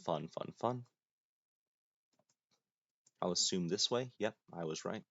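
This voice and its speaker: Low-voiced yet fairly bright in tone, this young gaming YouTuber takes things slowly, mumbling to himself and poking dry fun at himself as he comments on his play. The audio is dull, lo-fi and dry.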